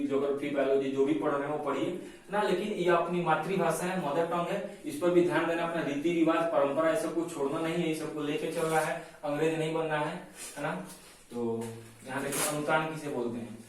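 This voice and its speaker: In a classroom lecture, a man with a fairly high voice explains Hindi grammar, constantly tacking on "है ना" and slowing down to dictate notes. He's recorded from a distance in a very echoey room with faint noise.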